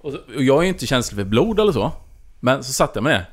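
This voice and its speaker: A man's voice: medium pitch, breathy edge. A man hosting a podcast, telling a story in casual chat and acting out what people said. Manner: animated storyteller, acts out dialogue. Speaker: podcast host.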